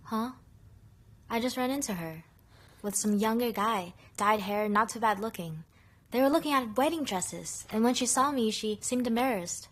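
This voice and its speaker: A woman's voice: fairly high pitch, moderate pace, fairly bright tone. An actress dubbing a nosy young daughter who teases her father, in an English dub of a TV drama. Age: young adult. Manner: teasing, nosy. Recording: faint background noise.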